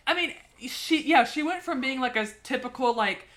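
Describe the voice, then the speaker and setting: A woman's voice: sits high, lively intonation, moderate pace, fairly bright tone. A woman co-hosting a podcast, chatting casually and rambling with lots of fillers and restarts. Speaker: podcast co-host. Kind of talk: casual chat.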